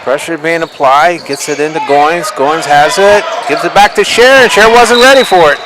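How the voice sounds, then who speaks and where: Male live basketball commentator: informal and colloquial, voice a bit high, game noise clearly behind him. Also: normal speed. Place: indoor gym during a game. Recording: noisy live gym broadcast. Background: bouncing basketball, gym ambience.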